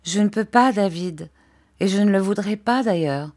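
A woman voicing a frail, childlike young wife who speaks softly, eagerly and with great affection. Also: medium pitch, normal speed, natural voice. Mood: tender. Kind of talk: audiobook character voice.

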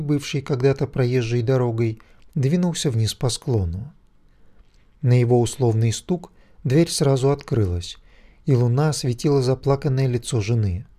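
Brief: male audiobook narrator, calm and measured, warm dark timbre. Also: medium pitch.

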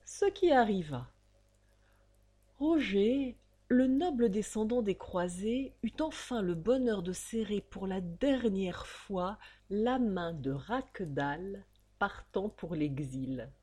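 A woman narrating an audiobook in a measured, expressive way. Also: medium pitch, husky.

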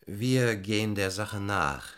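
An earnest, questioning visitor. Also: male voice, fairly low pitch, animated, slow pace, a bit bright. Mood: concerned. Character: concerned man visiting a hospital bed. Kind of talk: radio play acting.

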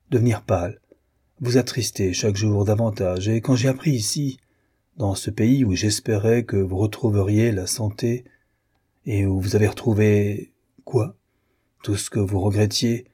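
A man's voice: on the low side, warm tone, breathy edge. A male reader voicing a proud, remorseful husband who speaks in a firm, cold, sorrowful tone in an audiobook. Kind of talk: audiobook reading.

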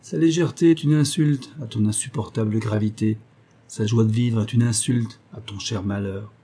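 A man's voice: on the low side, normal speed, dark tone, slightly rough. A man voicing Brugh, a vain, sarcastic man who taunts his lover. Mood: mocking.

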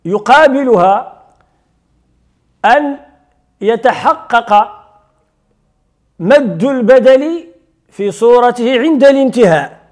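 A man's voice: very high-pitched, expressive, takes it slowly, pauses often, darkish tone. A man with a Moroccan Arabic accent teaching Quran recitation rules. He explains step by step, puts questions to his students and recites short examples.

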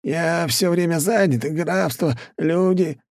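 Guy doing a scared stammery count, high and shaky. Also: slow pace, no room sound, clean studio sound. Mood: frightened. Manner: stammering, panicky. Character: frightened, stammering male nobleman.

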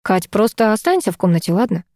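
A woman voicing a young man who talks softly and reassuringly in an audiobook. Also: mid-range voice, very animated, fast talker, no echo, clean studio sound, natural voice. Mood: soothing. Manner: soft, reassuring. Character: calm young man soothing his lover.

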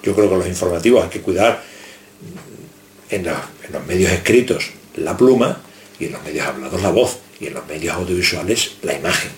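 A male journalist with a fairly low voice gives his opinion in a reflective way, now and then restarting a phrase. The recording is roomy and echoey, with a faint background noise. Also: expressive, a little fast. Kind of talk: street interview answer.

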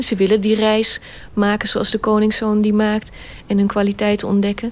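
A woman giving reflective radio commentary in a measured, explanatory way. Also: medium pitch.

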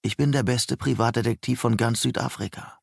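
Self-important male private eye, boastful and defensive, read by a man in a gravelly voice. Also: medium pitch, fairly even intonation, brisk, dry recording, clean studio sound.

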